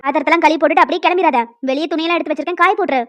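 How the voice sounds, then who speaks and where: A woman voicing a sharp-tongued older mother-in-law who taunts her daughter-in-law in an animated story. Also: extremely high pitch, very fast, soft background music. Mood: nagging. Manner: taunting, nagging.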